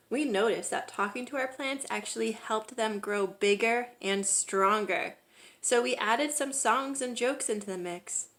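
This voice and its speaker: Reading a picture book for children, a woman uses an expressive storyteller's delivery, stressing key words. Her voice is medium in pitch with a fairly bright tone.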